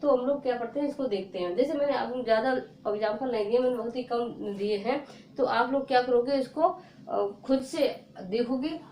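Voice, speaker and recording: A woman's voice: fairly high pitch, fairly quick, darkish tone. A woman teaching a phonics lesson to children, patient and repetitive, asking questions and answering them herself. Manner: patient, repeats words and asks questions. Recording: echoey room with faint noise.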